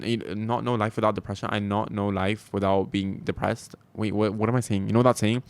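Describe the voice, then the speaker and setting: Young male podcast host, low voice, dry close sound, confessional and rambling, laughs at himself. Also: fairly bright tone, smooth, no room sound. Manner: rambling, self-deprecating, frequent laughs and filler "like". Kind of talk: confessional solo podcast monologue.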